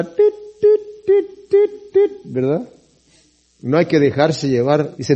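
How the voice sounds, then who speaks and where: Husky, mellow-voiced pastor preaching. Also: male voice, a little high. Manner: reads scripture aloud and explains it conversationally, often asking "right?". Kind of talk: sermon.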